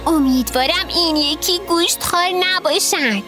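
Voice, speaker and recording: A woman's voice: very high-pitched, sharp tone. A woman doing a tiny curious girl dinosaur. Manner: asks eager, wondering questions. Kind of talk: storybook dialogue reading. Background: background music.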